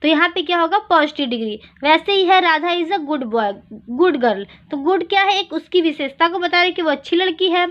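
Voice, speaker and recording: In a dull, lo-fi recording, a woman with a very high voice teaches English grammar in Hindi. She keeps posing questions and answering them herself, reading each English example sentence very slowly.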